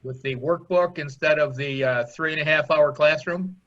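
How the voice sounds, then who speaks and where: A man's voice: fairly high pitch, normal speed, a bit bright. A man chatting in a friendly way with fellow coaches on a video call. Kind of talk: casual chat. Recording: dull lo-fi video call audio.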